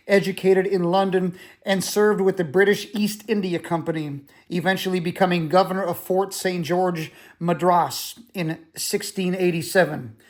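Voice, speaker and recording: A man reading a nonfiction book aloud as an audiobook narrator, in a steady, measured way with the odd restart. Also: sits high. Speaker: audiobook reader.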